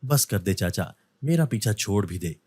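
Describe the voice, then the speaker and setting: A man's voice: lowish voice, lively intonation, normal speed, a little mellow, slightly rough, no echo. A man voicing an indifferent, lazy beggar husband who grumbles and brushes things off. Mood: grumbling. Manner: grumbling, dismissive.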